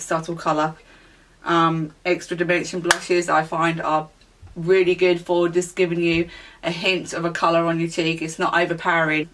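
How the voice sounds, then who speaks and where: A woman beauty vlogger in a relaxed, chatty product review, with plenty of ums and small self-corrections. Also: fairly low pitch, far from the mic. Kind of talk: casual product review chat.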